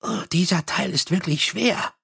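A man putting on a scruffy little corporal for an audiobook, chattering on with cheerful, unbothered eagerness. The voice sits fairly high and bounces upward when he gets keen. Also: a little slow, creaky, bright, forceful tone, husky, no echo, clean studio sound, heavily acted. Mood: chatty. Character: scruffy small male corporal, chatty and cheeky.

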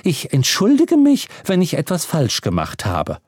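A man's voice: a little high, wildly swooping pitch, unhurried, a little mellow, slightly rough, no echo, studio quality, pitched above the performer's own voice, exaggerated voice. A man voicing a prim, dignified older housekeeper woman who speaks politely and stiffly in an audiobook.

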